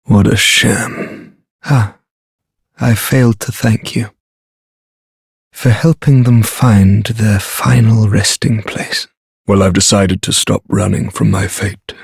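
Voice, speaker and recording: A man with a British accent playing a cynical, fatalistic undead deserter in a dark fantasy game, his voice husky and his delivery dry, drawling and sardonic. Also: on the low side, fairly even intonation, slow, dry recording, full character voice. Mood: bleak resignation. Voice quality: gravelly, husky.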